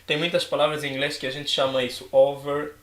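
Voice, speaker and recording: Male English teacher, high voice, lively casual delivery, echoey room. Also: fast. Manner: animated, switching between English and Portuguese, acts out students' lines. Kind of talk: casual online English lesson.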